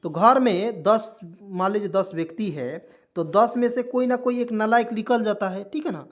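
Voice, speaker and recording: A man's voice: sits high, moderate pace. A man with a Hindi-speaking Indian accent, a teacher giving a pronunciation lesson, repeating words and answering his own questions. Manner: repetitive, drills words aloud, asks and answers own questions. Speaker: English teacher. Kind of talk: classroom lesson explaining pronunciation.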